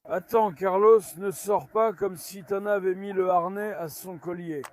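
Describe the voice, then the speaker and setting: A man filming a casual vlog at his farm, coaxing and calming his dogs while chatting to viewers. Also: high-pitched, unhurried, no echo. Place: farmyard outdoors.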